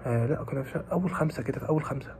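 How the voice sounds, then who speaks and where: A man with an Egyptian Arabic accent giving students a fast, pleading and scolding pep talk, repeating his phrases. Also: medium pitch, darkish tone, a little hiss or hum. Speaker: motivational talker for exam students.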